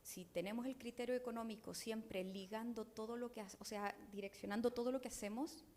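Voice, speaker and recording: A woman's voice: a little high, steady tone, brisk, a little mellow, a little hiss or hum. A woman from Chile with a Chilean accent, speaking as a discussant on an academic panel, thoughtful and digressive, often adding tag questions.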